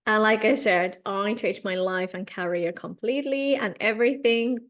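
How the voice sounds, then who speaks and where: A Finnish career coach with a Finnish accent gives a live-streamed training talk, addressing her viewers directly. She speaks at a medium pitch in an unhurried, encouraging way.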